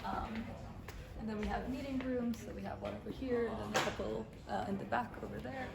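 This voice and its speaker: A young woman from Romania, a startup cofounder and developer, answering interview questions and showing visitors around her office in a relaxed way, often saying "um" and "I guess". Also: a little high, a little fast, vocal fry, heavy background noise. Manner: relaxed, many "um" and "I guess" fillers. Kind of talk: casual interview and office tour.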